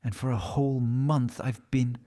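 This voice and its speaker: A man's voice: medium pitch, fairly even intonation, moderate pace, warm tone, voice pushed up, natural voice. A man with a Russian accent voicing an agitated, self-loathing, brooding man in an audiobook, in exclamatory, hesitant self-talk. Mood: disgusted, agitated.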